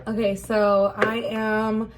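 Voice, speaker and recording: Against a noisy background, a young woman from Rockford, Illinois, USA, slowly shares her life story in an interview. She speaks in a monotone from a mid-range voice, hesitating a lot and dropping in "like" and "um" as she casually recalls the past.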